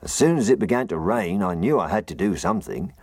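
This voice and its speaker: A gruff, booming snowman calls out in a friendly voice, as a man puts him on. The tone is rough and husky with a gravelly edge, cheerful and a little fussy. The recording is dry and close. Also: expressive, fast talker, no room sound, exaggerated voice. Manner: loud, friendly, fussing.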